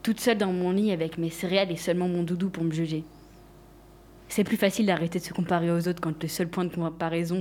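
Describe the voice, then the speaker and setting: A woman's voice: lowish voice, dark tone. A young woman, a radio columnist, leaving a hesitant, self-mocking voicemail in a comic scripted monologue full of fillers.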